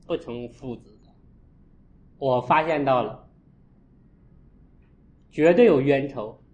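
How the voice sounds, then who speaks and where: A man, a Buddhist monk, giving a storytelling dharma talk and acting out his own scolding with sharp jumps in voice. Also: on the high side. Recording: echoey, dull lo-fi room.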